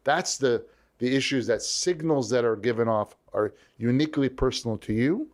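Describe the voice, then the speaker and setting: Man, interview guest, storytelling, acts out quotes, lively pitch, conversational. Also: normal speed. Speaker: leadership strategist guest.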